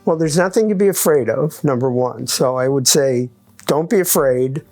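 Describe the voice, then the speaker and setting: A man in his eighties giving a testimonial interview as a chiropractic patient. He talks haltingly with many restarts and lists his points by number. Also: mid-range voice, darkish tone. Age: 80s.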